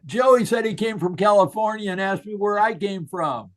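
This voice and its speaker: A man putting on the voice of an excited seven-year-old boy who shouts his questions. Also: high-pitched, moderate pace, pitched above the performer's own voice, close to an everyday voice. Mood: blurting. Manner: shouting, breathless eagerness.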